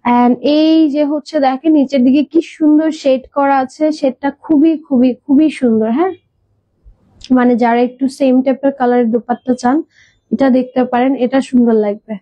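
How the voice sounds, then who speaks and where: A woman's voice: high voice, fairly even intonation, normal speed, warm tone, dry recording, highs cut off. A woman hosting a live clothing sales stream, chatty, mixing in English words and hesitating with fillers and repeats. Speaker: online clothing seller.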